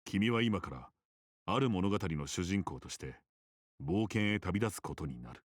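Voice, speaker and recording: Soft-spoken game master narrator. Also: male voice, low voice, animated, no echo. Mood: solemn. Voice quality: soft, intimate, close to the ear. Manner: polite and measured. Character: calm, courteous male game master narrator.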